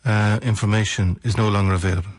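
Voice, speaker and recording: An Irish man interviewing on radio, putting serious questions in a probing, deliberate way. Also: lowish voice, fairly even intonation, dry recording. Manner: probing, deliberate, rephrases back to the guest.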